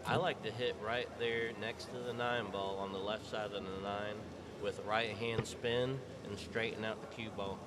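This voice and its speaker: A man's voice: fairly low pitch, steady tone, normal speed, very noisy. A man doing casual, joking commentary on a pool match for a live stream. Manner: loud, joking, drops to a playful whisper.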